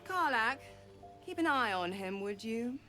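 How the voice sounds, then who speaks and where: A woman's voice: fairly high pitch, big pitch swings, a little slow, pushed and bright, soft background music, full character voice. An actress voicing a scheming female devil patron from a video game, who talks in a purring, taunting way. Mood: mocking.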